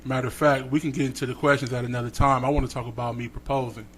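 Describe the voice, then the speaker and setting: A man's voice: mid-range voice, rapid-fire, slight background noise. A man co-hosting a podcast, telling a story in casual, slangy chat and acting out the people he quotes. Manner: animated, slangy, acts out quotes. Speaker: podcast co-host.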